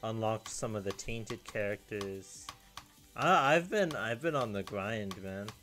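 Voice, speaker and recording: A young man talks slowly and flatly to his viewers, circling back over his own sentences as he goes. His voice sits a little low, and faint music plays underneath. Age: young adult. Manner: deadpan, rambling with restarts. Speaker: video creator. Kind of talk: casual solo chat.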